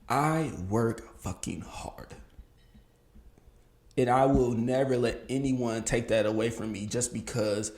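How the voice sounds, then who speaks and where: A man's voice: medium pitch, darkish tone, reverberant. A man in his early thirties hosting a solo podcast, talking candidly and reflectively, with bursts of emphasis. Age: 30s. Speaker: podcast host. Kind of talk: casual solo podcast monologue.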